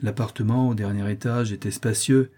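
A man narrating an audiobook in a measured, even reading. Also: lowish voice, husky. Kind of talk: scripted narration.

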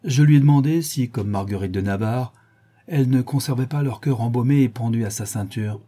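A man's voice: mid-range voice, brisk, mellow, breathy edge, close to an everyday voice. A man voicing a polite, moody young dandy who answers with light, smiling replies. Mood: teasing.

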